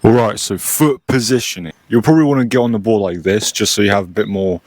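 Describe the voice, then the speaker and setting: A man giving a casual, informal step-by-step beginner tutorial as host, recorded on a cheap, low-quality microphone. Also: fast, a little mellow, no room sound. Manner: informal, mildly sweary. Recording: cheap low-quality mic, noisy, clicks.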